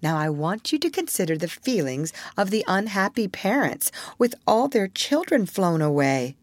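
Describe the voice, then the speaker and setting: A woman's voice: medium pitch, sing-song, normal speed, no room sound, pitched above the performer's own voice. A woman voicing an earnest, motherly young girl who tells a storybook tale in a prim, theatrical way. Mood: earnest, triumphant. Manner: theatrical, prim, hushing her listeners.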